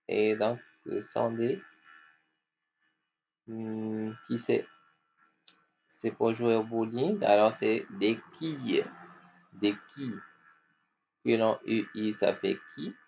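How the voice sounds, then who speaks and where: A man with a gravelly, fairly low voice teaches children phonics, slowly sounding out letters one by one. The recording is dull and lo-fi, with a faint hum behind him. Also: steady tone, a little mellow. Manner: slow, spelling out letters and sounds.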